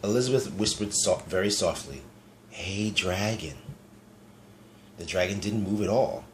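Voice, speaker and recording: A man reading a picture book aloud to children, gentle and chatty, stopping to point out the pictures. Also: low-pitched, animated, fairly quick, slight background noise. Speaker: storyteller.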